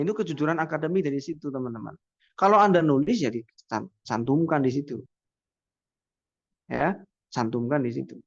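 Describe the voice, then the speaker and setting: A man's voice: a little high, no echo. A man giving a university lecture, talking conversationally and posing rhetorical questions he then answers. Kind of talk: classroom lecture. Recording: dull, dry lo-fi sound.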